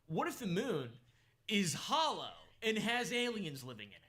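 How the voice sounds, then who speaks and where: A man's voice: sits high, big pitch swings, moderate pace, sharp tone. Jokey man over background music. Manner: jokey, rambling asides, mock-dramatic. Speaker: host. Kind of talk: comedic conspiracy commentary. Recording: clear background music under voice.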